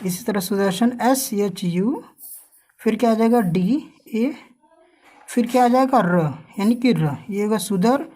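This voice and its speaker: Slow, mellow woman teaching spelling. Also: mid-range voice, lively intonation, slight background noise. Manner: slow, drawn-out spelling with quiz questions to the viewer. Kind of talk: spelling lesson for learners.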